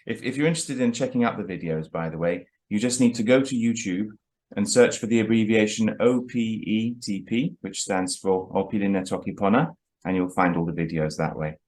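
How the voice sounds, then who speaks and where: A man hosts a casual interview over video call, asking questions in a hesitant, friendly way with frequent fillers. His voice is fairly low in pitch, a little mellow, and a touch fast.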